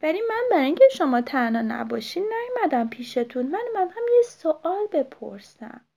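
A woman's voice: high-pitched, big pitch swings, gravelly, warm tone, pitched above the performer's own voice, heavily acted. A woman voicing an eager, blunt young male owl in a children's story, talking in an earnest, insistent way.

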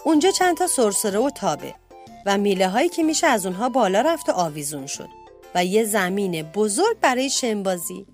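A woman reading a children's bedtime story aloud with expressive delivery. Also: faint music behind. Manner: expressive reading, lifts pitch for children's shouts.

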